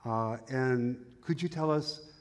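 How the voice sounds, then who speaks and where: A man in his fifties moderating a panel on a conference stage, speaking in a measured way with frequent fillers and restarts, on a headset mic. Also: medium pitch. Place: large conference hall stage. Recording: long hall reverb.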